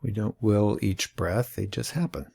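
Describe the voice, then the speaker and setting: A man teaching awareness and breath work in a calm, unhurried talk with long pauses. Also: lowish voice, vocal fry. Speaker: mindfulness teacher.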